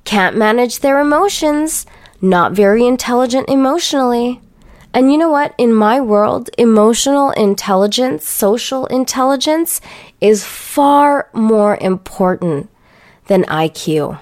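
A woman's voice: a little high, lively intonation, unhurried, darkish tone. A woman hosting a solo podcast, talking in a blunt, profane, ranting and sarcastic way. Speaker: podcast host.

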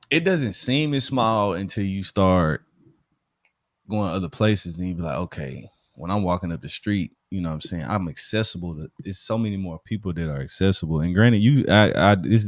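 A DJ who has his own studio and speaks on a podcast, this Alabama man from the United States talks in a low voice at normal speed with a Southern accent. The talk is casual and conversational, loaded with slang, and he regularly checks that the listener understands. The recording is dry and studio quality.

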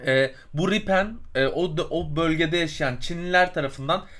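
Telling a long, meandering tale on the travel podcast he co-hosts, a man fills his speech with fillers and stops to search for words. His voice is on the high side and fairly bright, at a moderate pace.

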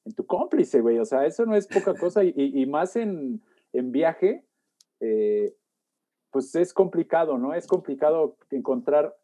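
A man's voice: fairly high pitch, expressive, unhurried, warm tone. A man hosting a podcast in casual chat, joking and slangy. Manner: joking, slangy, fills with "güey". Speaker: podcast host.

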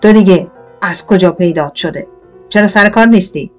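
A loud, blustering tomato knight throws his weight around, as a woman reader puts him on. He rants like a bully, threatening and pompous. Soft piano plays behind. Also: fairly high pitch, pitched above the performer's own voice, natural voice. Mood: blustering angry. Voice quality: shouting, blustering.

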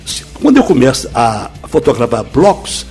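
Animated man explaining eagerly. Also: mid-range voice, normal speed, soft background music. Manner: lively, didactic, full of examples. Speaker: speed-reading teacher, guest. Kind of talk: explanatory interview answers.

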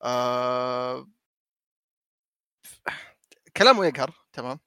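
A man's voice: mid-range voice, animated, moderate pace, bright, forceful tone, smooth, no echo. A man in a casual film discussion, speaking mixed with English words as a co-host. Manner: mixes English words into Arabic.

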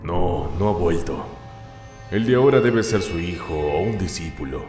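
A man's voice: sits low, lively intonation, normal speed. A man playing a stern detective who questions a witness in a commanding way. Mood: probing. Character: stern male detective, sharp and probing. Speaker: police inspector. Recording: roomy echo with loud music.

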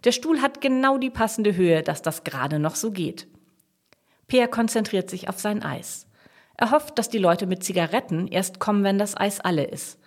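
A woman reads a children's story aloud with an expressive, storytelling manner. Her pitch moves in a lively way, rising and falling through the sentences. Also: moderate pace. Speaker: narrator.

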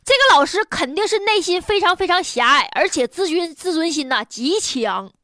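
High, animated Northeastern Mandarin woman host. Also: moderate pace, no room sound. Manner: blunt, colloquial, opinionated delivery. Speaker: host of a news commentary show. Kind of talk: humorous, colloquial news commentary.

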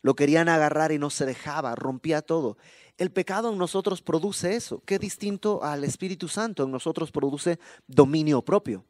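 A man's voice: a little high, a little mellow, dry recording, studio quality. A man with a Mexican accent preaching a sermon in an emphatic, conversational way, full of rhetorical questions. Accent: Mexican Spanish.

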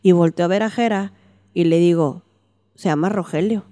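A woman's voice: on the low side, moderate pace. A woman with a Mexican Spanish accent telling a story in casual chat, acting out the dialogue. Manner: animated, acts out quoted dialogue. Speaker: podcast guest recounting paranormal experience.

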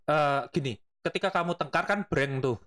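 A man's voice: fairly high pitch, moderate pace, fairly bright tone. A man hosting a casual chat, teasing his guest and laughing often. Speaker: host.

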